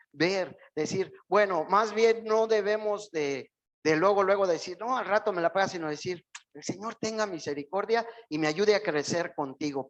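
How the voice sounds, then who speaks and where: A man preaching to his congregation as pastor. His voice sits a bit high and he swings between loud, animated bursts and soft, hushed asides as he acts out quoted voices. The recording is dull and lo-fi. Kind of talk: Spanish-language church sermon.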